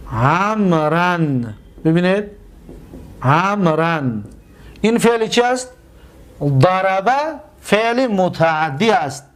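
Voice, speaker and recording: A man with a high voice teaches a grammar class. He stretches each example word out slowly and repeats it. Then he quizzes the room and answers his own questions. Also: smooth. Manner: slow drawn-out repetition of example words; asks the class questions and answers them himself. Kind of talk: Arabic grammar lesson.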